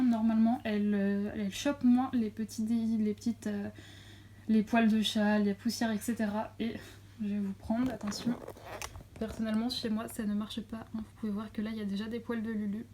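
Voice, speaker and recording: Young woman vlogger, slightly high and mellow voice, chatty with lots of fillers, filming on a phone at home. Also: little pitch movement, brisk, a little hiss or hum. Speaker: crafts vlogger. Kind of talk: casual unboxing chat. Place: at home near a window. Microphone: phone camera.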